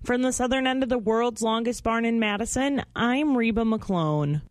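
A woman's voice: on the high side, normal speed, no echo, clean studio sound. A woman reporting and interviewing for radio.

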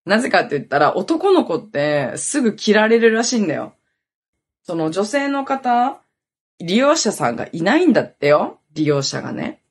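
Woman podcast host rambling thru a story, kinda husky breathy voice, pitch jumps all over. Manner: rambling anecdotal storytelling with many fillers. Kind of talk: casual chat.

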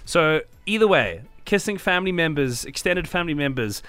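A male radio host with a bright, forward voice talks on air in a chatty, joking way. He sits a little high in pitch for a man. A faint music bed plays under him. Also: sing-song, normal speed, dry recording. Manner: chatty, laughing, jokey. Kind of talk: radio talk show chat.

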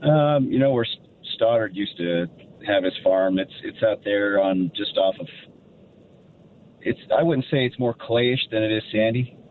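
A man calls in over the phone, his low voice squeezed into a tinny, narrow phone-line sound. A faint hiss sits behind him. He talks casually, often stopping and restarting mid-sentence. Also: unhurried. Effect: heard over the phone. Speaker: radio call-in caller.

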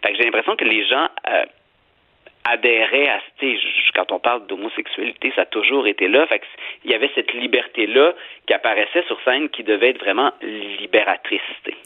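A man's voice: fairly low pitch, a little fast, slightly rough. A man with a Québécois accent, a theatre director being interviewed, talking thoughtfully with many restarts and fillers. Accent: Québécois French. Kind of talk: radio interview. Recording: tinny phone line.

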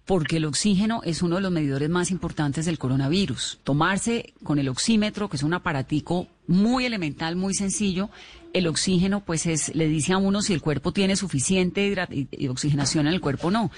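A woman's voice: on the low side, fairly quick, darkish tone. A woman hosting a radio interview, asking questions and stopping to explain things for the listeners.

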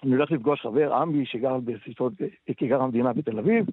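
A man in his sixties from Tel Aviv, a radio interview guest recalling the war in a halting way, retelling conversations with many hesitations. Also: medium pitch, husky, no echo. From Israel, Tel Aviv. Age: 60s. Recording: dry, tinny phone line.

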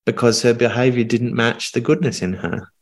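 A middle-aged man working as a communication coach, talking calmly and earnestly in reflective phrases with pauses during a podcast coaching conversation. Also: medium pitch.

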